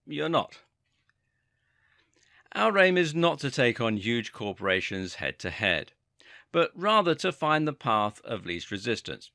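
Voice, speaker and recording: A man's voice: mid-range voice, gravelly, bright, forceful tone, no room sound, studio quality. A man narrating an online marketing course in a scripted, upbeat and persuasive manner.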